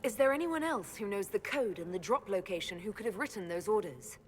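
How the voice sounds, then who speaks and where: A woman's voice: medium pitch, animated, brisk, faint music behind, lightly acted. A woman playing a composed, authoritative female inquisitor in a video game, questioning and commanding, with long reverb on the voice. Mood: probing. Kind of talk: video game dialogue acting.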